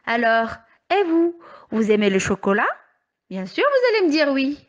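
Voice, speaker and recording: A young woman teacher explaining a grammar lesson to young children, patient and carefully articulated, with clearly rising questions. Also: high-pitched, big pitch swings, moderate pace, muffled recording. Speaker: primary school teacher.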